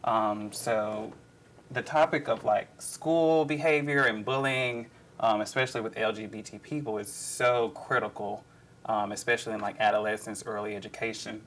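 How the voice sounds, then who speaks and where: A man hosting a casual group discussion, speaking in a halting way with fillers and restarts. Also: lowish voice, fairly even intonation, fairly bright tone, a little hiss or hum. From Alabama. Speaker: host.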